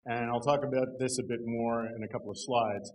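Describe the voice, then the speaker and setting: A man's voice: mid-range voice, little pitch movement, a little fast, slight background noise, rough recording. Middle-aged man giving a dry-humored tech talk. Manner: dry humor, conversational with fillers. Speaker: conference speaker. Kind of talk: technical conference talk. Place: conference hall.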